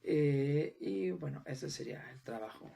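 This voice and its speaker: A man's voice: on the high side, lively intonation, measured pace, creaky, very noisy. Hesitant man giving a class presentation. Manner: hesitant, with fillers and restarts. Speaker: student presenter.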